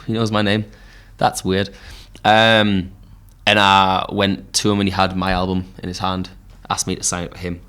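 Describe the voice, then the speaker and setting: Give me a deep Geordie man, casual and rambling, talking music in a pub. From Newcastle, England. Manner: relaxed storytelling with frequent fillers. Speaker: podcast host and musician.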